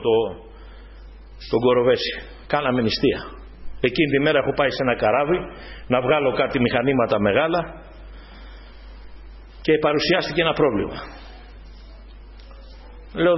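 A man's voice: medium pitch, lo-fi sound. A man preaching a fervent sermon, often calling out to his brothers and sisters in the congregation and telling stories from his own life. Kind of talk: sermon with personal testimony.

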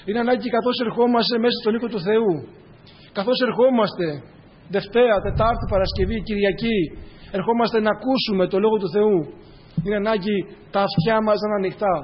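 In a church hall, a man earnestly preaches a sermon, addressing the congregation as brothers. His voice is high-pitched and husky with fairly even intonation, and the recording sounds dull with long hall reverb.

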